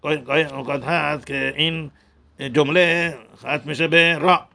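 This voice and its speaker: A man teaching the correct pronunciation of a Hebrew prayer, talking haltingly and repeating words to model each sound. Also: on the high side, steady tone, vocal fry, pushed and bright. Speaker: religious teacher.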